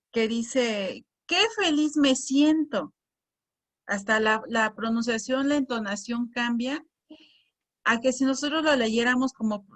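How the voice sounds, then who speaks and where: Slow-speaking woman teacher explaining. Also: a little high. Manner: patient, repeats words, reads examples aloud with exaggerated intonation. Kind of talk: slow explanatory lesson on punctuation.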